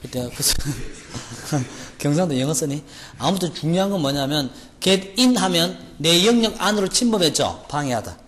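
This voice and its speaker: A man's voice: on the high side, lively intonation, measured pace, a bit bright. A male teacher with a Gyeongsang accent giving a jokey classroom lecture, firing rhetorical questions at students. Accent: Gyeongsang Korean. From Gyeongsang region, Korea. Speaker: English vocabulary lecturer. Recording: lecture hall reverb, faint noise.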